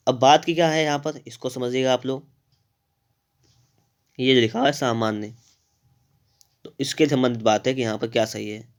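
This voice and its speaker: A man of middle pitch teaches an exam-prep spelling lesson. He talks straight to his students and checks in often. He spells out each answer step by step and says the key words again slowly. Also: steady tone, clean tone. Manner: addresses students directly, with frequent "thik hai" checks. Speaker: Hindi grammar teacher.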